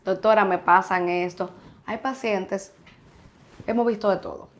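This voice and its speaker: Frank woman specialist guest, emphatic, explains plainly, mid-pitched voice. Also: fairly even intonation, unhurried. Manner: frank, emphatic, acts out patient dialogue. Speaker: urologist guest. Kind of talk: interview answers, explaining.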